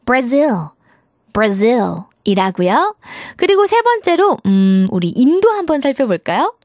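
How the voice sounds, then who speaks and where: A woman's voice: sits high, very animated, moderate pace, a little mellow, no room sound, clean studio sound. A woman teaching English to children in Korean, in a cheerful, encouraging way. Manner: cheerful, encouraging, sing-song.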